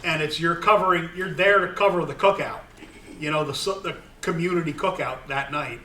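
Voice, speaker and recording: A man's voice: a little high, fairly quick, pushed and bright, slight background noise. Middle-aged man rambling to an audience. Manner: rambling, with many fillers and restarts. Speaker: sports photographer giving a talk. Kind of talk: casual talk to an audience. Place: room with an audience. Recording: roomy, distant recording.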